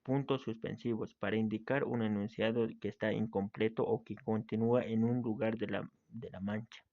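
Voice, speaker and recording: A man's voice: lowish voice, fairly even intonation, normal speed, dry recording. Man reading a grammar lesson. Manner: reads steadily from a text, with small slips and restarts. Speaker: teacher. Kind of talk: read-aloud grammar lesson. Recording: dry, slightly dull home recording.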